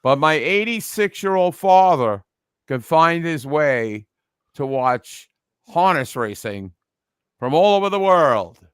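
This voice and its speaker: A man's voice: fairly high pitch, lively intonation, clean tone, no room sound. Wisecracking man, dry close sound. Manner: wisecracking, crude jokes, quick asides. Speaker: podcast co-host. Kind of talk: casual chat.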